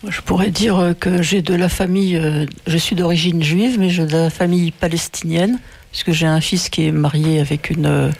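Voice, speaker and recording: An older man in a conversational interview, asking questions and reflecting with hesitant pauses. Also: on the high side, fairly even intonation, vocal fry, darkish tone.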